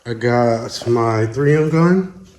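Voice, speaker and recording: A man's voice: medium pitch, slow pace, a little mellow. A man, an auto body painter, chatting casually to viewers while his voice echoes around an enclosed paint spray booth. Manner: chatty, addresses viewers directly. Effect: reverberant echo of an enclosed spray booth. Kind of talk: casual how-to vlog. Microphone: phone camera.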